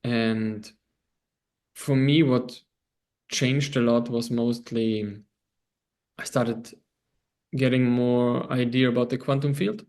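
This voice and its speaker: Austrian German-accented man, gravelly voice. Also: medium pitch, fairly even intonation, a little mellow. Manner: laughs often, rambling with frequent pauses. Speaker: guest. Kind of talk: casual interview over video call. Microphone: video call.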